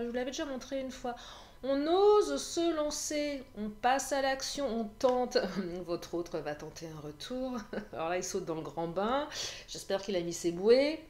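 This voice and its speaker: A woman's voice: mid-range voice, darkish tone. A woman casually reading tarot and oracle cards, chatty, often laughing and repeating her phrases. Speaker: tarot and oracle card reader. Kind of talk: casual card-reading monologue. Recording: echoey room with faint noise.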